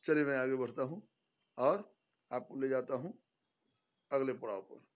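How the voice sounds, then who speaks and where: A man's voice: mid-range voice, normal speed, highs cut off. A middle-aged male teacher giving a spoken grammar lesson, emphatic and full of rhetorical questions, acting out example sentences.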